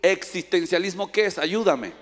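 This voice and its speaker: Man preaching, high voice, teasing congregation, echoing hall. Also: expressive, normal speed, some chatter behind. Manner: playful, teasing, calls on audience by name. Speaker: pastor. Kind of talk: interactive sermon with congregation. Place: large church hall. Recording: long echo of a church hall.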